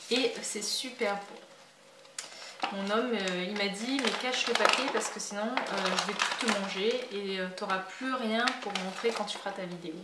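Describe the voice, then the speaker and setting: A woman's voice: medium pitch, a bit bright. Chatty woman with lots of fillers. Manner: chatty, hesitant with many fillers. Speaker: beauty and lifestyle vlogger. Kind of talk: casual haul video chat. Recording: roomy home recording with faint background noise.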